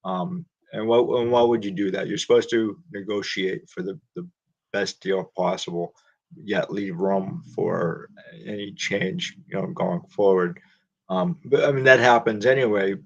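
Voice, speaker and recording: A man's voice: fairly low pitch, gravelly. A man hosting a casual interview, talking in thoughtful, hesitant sentences while searching for words. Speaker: host. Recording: dull lo-fi sound.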